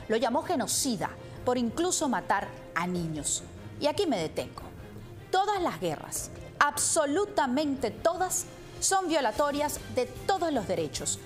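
A woman in her thirties presenting the news in a studio with pointed commentary, speaking emphatically into a lapel mic. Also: a little high. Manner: emphatic, gestures while speaking.

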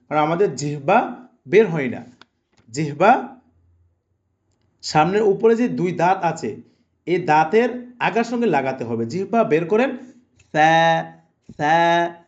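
A man teaching Quran recitation, slowly and deliberately drawing out each letter sound for his students to repeat. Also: a little high, darkish tone, muffled recording. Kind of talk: slow instructional lesson.

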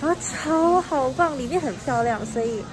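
A woman's voice: sits high, lively intonation, normal speed, rough recording. A woman vlogging casually through a face mask as she walks around a mall and a market, chatty and upbeat while she describes the place. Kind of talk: casual vlog narration. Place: shopping mall and market, partly outdoors.

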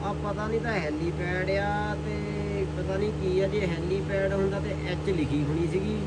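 A man's voice: high voice, steady tone, moderate pace, heavy background noise. A man with an Indian Punjabi accent narrating a travel vlog in casual, slangy, exclamatory talk. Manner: colloquial, slangy, admiring exclamations. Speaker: travel vlogger.

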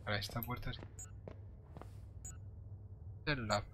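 Young male gamer, Castilian accent, jumpy muttered commentary with startled swearing, clear game noise behind him. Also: medium pitch, measured pace, pushed and bright. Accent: Castilian Spanish. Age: young adult. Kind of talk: casual gameplay commentary. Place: small room indoors. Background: horror game ambience.

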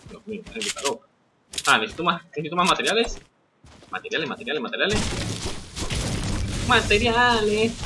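A man with a Venezuelan accent giving excitable live game commentary, yelping, swearing and talking to himself. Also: high voice, a little hiss or hum. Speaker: gamer.

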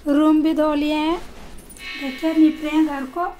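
A woman's voice: high-pitched, level tone, measured pace, dark tone, soft background music. A young woman chatting casually to her viewers in a home vlog, filming herself with a phone held at arm's length around her rural house and yard. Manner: chatty, addresses viewers often. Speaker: vlogger.

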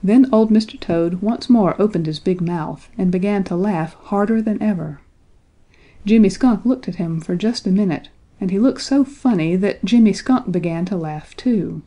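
A woman narrating a children's storybook in a gentle, even storytelling way. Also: mid-range voice, normal speed. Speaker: audiobook narrator.

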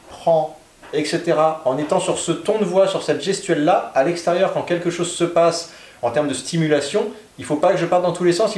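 Male dog trainer, calm and firm, slightly raised pitch, recorded in a reverberant room at home. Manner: calm, firm short commands. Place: indoors at home. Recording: echoey room.

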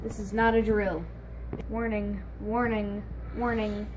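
Woman as stern security alarm voice, flat and relentless, mid-pitched. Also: takes it slowly, lightly acted, rough recording. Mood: stern warning. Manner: stern, monotone, endlessly repeating warnings. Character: repeating female security alarm voice.

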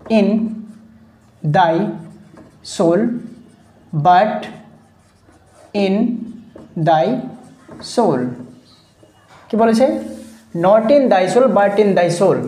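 A woman teacher with a Bengali accent explaining terms slowly, repeating and spelling words and checking that her listeners follow. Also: mid-range voice, dark tone, reverberant. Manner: slow and repetitive, spells out words and checks understanding. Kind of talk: lecture explaining rhetoric terms.

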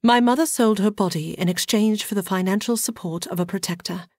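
Woman reading a proud, defensive young woman, blunt, husky, dry. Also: medium pitch, fairly quick, darkish tone, dry recording, close to an everyday voice.

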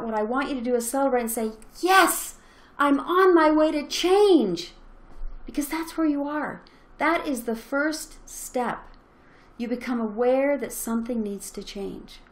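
This middle-aged parenting coach, whose voice is a little high, addresses her audience directly. Her motivational talk is earnest and encouraging throughout.

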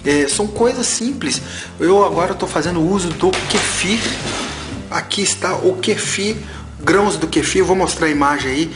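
A man in his forties with a high-pitched voice speaks at a moderate pace in a casual vlog, unboxing health products and giving health advice. He is emphatic and preachy, repeating his points, while faint music plays behind him.

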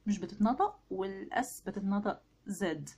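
A woman's voice: mid-range voice, expressive, normal speed, darkish tone, slightly rough. A woman with an Egyptian Arabic accent giving a casual video lesson on English pronunciation, chatty and drilling words with her viewers.

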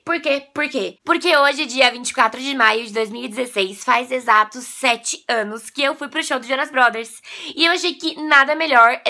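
A woman's voice: high-pitched, creaky. A Brazilian woman in her twenties chatting casually to camera like a gushing fan, her voice slightly nasal from a coming cold. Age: 20s. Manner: gushing, animated fan talk. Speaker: video blogger. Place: small bedroom, indoors.

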